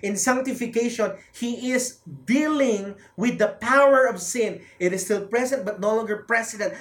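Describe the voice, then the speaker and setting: A preacher with a Filipino accent delivers an emphatic sermon, repeating key phrases as he swings between loud, fervent lines and quiet ones. His voice is medium in pitch.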